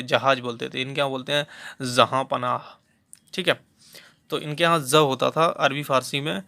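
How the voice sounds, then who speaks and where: Bright-voiced slow-paced male teacher. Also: on the high side. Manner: patient, repeats key terms and demonstrates sounds aloud, frequent "theek hai" check-ins. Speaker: Hindi teacher for exam preparation. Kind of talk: explanatory lecture on phonetics.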